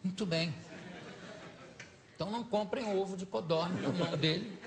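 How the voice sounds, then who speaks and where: A man's voice: high voice, normal speed, a little hiss or hum. A man hosting a talk show, interviewing a guest with playful, teasing questions.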